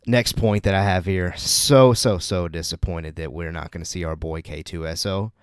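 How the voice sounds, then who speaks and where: A man's voice: low-pitched, normal speed, clean tone, no room sound, clean studio sound. A man co-hosting a casual podcast, talking with enthusiasm and often repeating words as he starts a thought. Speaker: podcast co-host.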